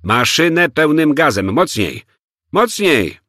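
A man voicing a sharp, commanding police commissioner in an audiobook, speaking in clipped, urgent commands. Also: medium pitch, very animated, moderate pace, dry recording, studio quality, pitched above the performer's own voice.

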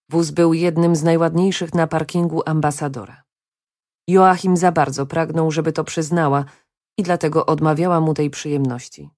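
A woman reading a novel aloud in calm, even scripted narration. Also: sits low, no room sound, studio quality. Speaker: audiobook narrator.

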